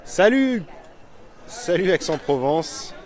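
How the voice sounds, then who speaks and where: A man's voice: sits high, very animated, slow, darkish tone, a faint crowd. A man hosting a casual live vlog on a town street, chatty and self-mocking, with many fillers and restarts. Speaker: vlogger showing a town on a live stream. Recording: faint street noise outdoors.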